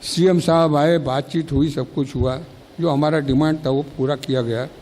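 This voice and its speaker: A man's voice: a little high, steady tone, normal speed, a little mellow. A man giving a public speech at a ceremony in an auditorium, telling stories and acting out the exchanges he recounts. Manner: storytelling, acting out quoted exchanges. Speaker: speaker at a felicitation ceremony. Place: college auditorium. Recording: long reverb of an auditorium.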